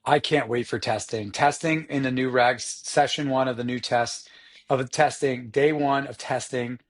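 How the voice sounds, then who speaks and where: Hoarse, enthusiastic man chatting about motorsport. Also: mid-range voice, steady tone, moderate pace. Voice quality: hoarse, rough voice. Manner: rambling, enthusiastic, slangy. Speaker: podcast co-host. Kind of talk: casual motorsport chat.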